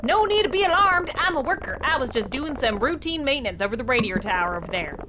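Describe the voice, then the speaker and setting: A woman voicing a creepy, soft-spoken male cult worker in a put-on accent, talking in smooth, cryptic, ominous lines. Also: sits high, lively intonation, fast talker, noisy background, voice pushed up. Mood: friendly.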